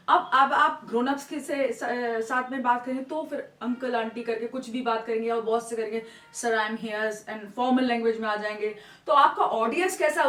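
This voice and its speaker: A woman's voice: high voice, fairly bright tone, far from the mic. A woman teacher explaining step by step, mixing English terms into her lecture and checking in often with her class. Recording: echoey room, voice from off-mic.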